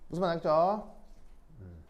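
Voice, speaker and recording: High, lively-voiced male chemistry teacher. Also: moderate pace. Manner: checks understanding with repeated questions; casual, mixes in English words. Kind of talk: classroom lecture.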